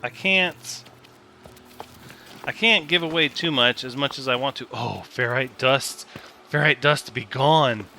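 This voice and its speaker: Bright-voiced man musing over a building game. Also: medium pitch, measured pace, gravelly, a little hiss or hum. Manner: thinks aloud, counts, jokes with himself. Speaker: gameplay commentator. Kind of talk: casual gameplay commentary.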